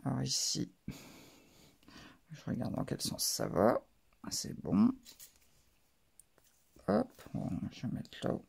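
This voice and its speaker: Woman, craft tutorial narration, dark mellow tone, very slow pace, step-by-step with fillers. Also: rumbling low, wildly swooping pitch, creaky, breathy edge. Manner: unhurried, narrates each step with frequent "hop" and hesitant fillers. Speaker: craft channel host. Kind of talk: card-making tutorial narration.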